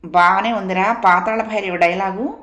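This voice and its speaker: A woman's voice: mid-range voice, fairly even intonation, normal speed, fairly bright tone, dull audio, close to an everyday voice. Woman reading as a teasing young man. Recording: echoey room.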